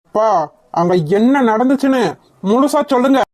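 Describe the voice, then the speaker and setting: A woman's voice: sits high, normal speed, darkish tone, natural voice. A woman voicing an anguished, agitated young man in a cartoon. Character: anguished young man, worried for his wife. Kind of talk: cartoon voice acting.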